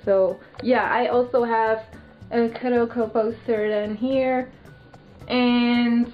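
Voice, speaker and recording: A woman with a Dutch accent chatting casually and informally as a vlogger, in a rambling, giggly way, filming indoors on a handheld camera. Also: a little high. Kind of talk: casual chat, showing a haul. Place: small bedroom, indoors. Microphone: handheld camera's built-in mic. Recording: muffled lo-fi handheld camera sound.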